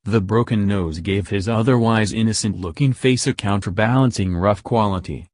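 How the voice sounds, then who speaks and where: A man reading an audiobook in a steady, measured narration, recorded close to the mic. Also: on the low side, no echo.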